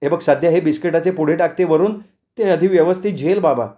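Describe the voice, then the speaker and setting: A man's voice: a little high, brisk, mellow, natural voice. A man voicing an anxious, determined young wife, speaking in a pleading, urgent tone.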